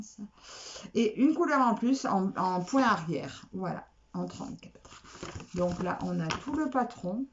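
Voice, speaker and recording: A woman vlogger chatting casually as she unboxes craft kits, repeating words and filling pauses with little asides. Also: mid-range voice, darkish tone. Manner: chatty, repeats words, many "alors" fillers. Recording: dull lo-fi recording with faint noise.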